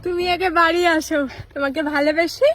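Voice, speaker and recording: A woman voicing a sharp-tongued young wife in a comedy sketch, sweet-toned but full of cheeky threats. Her voice is strikingly high. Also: steady tone, brisk, soft background music. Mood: mock-sweet. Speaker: comic sketch actor. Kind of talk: comic family sketch.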